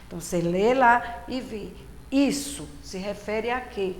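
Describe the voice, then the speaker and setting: A woman's voice: mid-range voice, measured pace. A woman teacher with a Brazilian Portuguese accent, giving a recorded lesson and explaining step by step, repeating key words patiently. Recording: roomy echo with faint background hiss.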